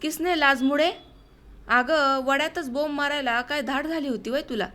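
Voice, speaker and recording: A woman's voice: sits high, a little slow. Woman voicing a furious village husband. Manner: shouting, bitter outbursts. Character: enraged young village husband, humiliated and violent.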